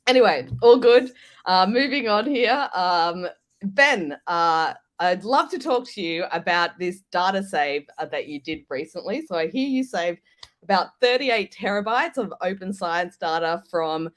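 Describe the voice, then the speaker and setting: A woman's voice: on the low side, animated, a little slow. Chatty Australian woman hosting a livestream. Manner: chatty, laughs often. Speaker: co-host. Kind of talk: casual livestream chat.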